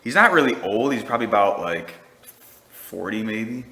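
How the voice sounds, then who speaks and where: Excitable young male co-host, bright and animated, echoey room. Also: lowish voice, normal speed. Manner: excitable, laughing, swearing. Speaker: podcast co-host. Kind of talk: casual chat.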